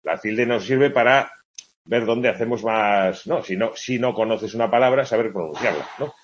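A man's voice: on the low side, moderate pace, slight background noise. A man giving a casual grammar lesson, chatty and full of tag questions. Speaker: Spanish teacher. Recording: lo-fi dull sound.

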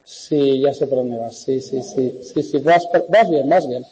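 Lecturer in a heavily echoing hall. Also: male voice, mid-range voice, warm tone, husky. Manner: explanatory, checks understanding with quick questions. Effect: heavy classroom echo. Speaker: university lecturer. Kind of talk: classroom lecture with questions to students. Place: large echoey lecture hall. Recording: muffled echoey hall recording.

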